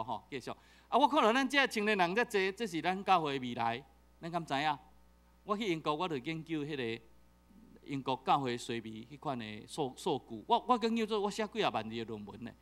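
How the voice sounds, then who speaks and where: A middle-aged man with a Taiwanese accent preaching a sermon, joking and telling stories with many repeated fillers. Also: mid-range voice. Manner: jokey, animated storytelling with repeated fillers. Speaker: pastor.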